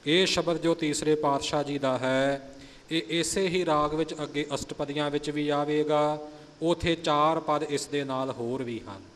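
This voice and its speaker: A man patiently explaining how to pronounce and pause in a recitation, demonstrating each phrase carefully. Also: fairly high pitch, fairly even intonation, fairly bright tone, in a large hall. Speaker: recitation teacher. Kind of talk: explanatory teaching on pronunciation.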